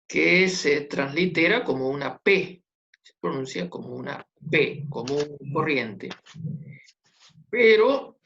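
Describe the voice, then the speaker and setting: A teacher explains things slowly and patiently, going over each point again and checking that the class is following. The recording is dull and lo-fi, with the top end muffled. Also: medium pitch, fairly bright tone. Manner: patient, repetitive, checks understanding with tag questions. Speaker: Hebrew teacher. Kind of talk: online class lesson.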